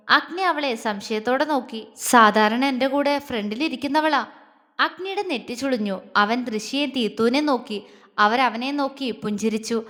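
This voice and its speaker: A woman's voice: high voice, fairly bright tone. A woman storyteller in scripted narration, reading expressively and acting out the characters. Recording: long reverb.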